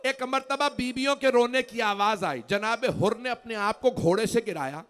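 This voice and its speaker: A man, a cleric, delivering an emotional mourning sermon that swells into loud cries. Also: very high voice. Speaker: Shia cleric reciting elegy.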